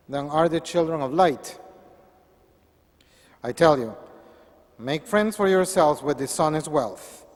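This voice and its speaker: Priest in an echoey church. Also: male voice, fairly high pitch. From Peru. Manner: measured, earnest preaching. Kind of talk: Gospel reading and sermon.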